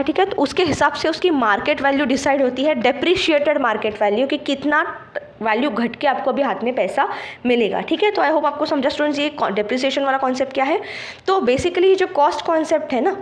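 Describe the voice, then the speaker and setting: High-voiced woman teaching accounting. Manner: patient, checks understanding with frequent "theek hai"; mixes English terms into Hindi. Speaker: exam prep teacher. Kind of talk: explanatory online lecture.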